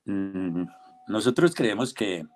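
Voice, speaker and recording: An older man, an invited theatre director speaking on a video call in a reflective, deliberate way, full of pauses, fillers and emphatic rhetorical questions. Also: on the low side, big pitch swings, faint music behind. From Colombia. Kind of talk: reflective panel talk. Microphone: computer or headset mic on a video call.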